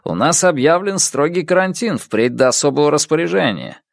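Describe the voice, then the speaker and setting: A man's voice: fairly high pitch, expressive, brisk, vocal fry, dry recording, clean studio sound, voice pushed up. A man voicing a pressing Russian astronomer. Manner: pressing questions, skeptical. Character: Russian male astronomer, probing and insistent.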